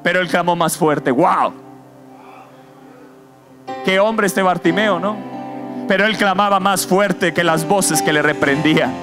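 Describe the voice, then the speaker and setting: A man's voice: high-pitched, measured pace, long pauses. A man preaching a sermon as guest preacher, with impassioned, repetitive exhortation. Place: church service. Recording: guitar music behind.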